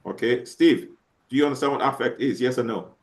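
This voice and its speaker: Halting male teacher giving a lecture. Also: mid-range voice. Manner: halting, many restarts and fillers, checks understanding often. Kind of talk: classroom lecture.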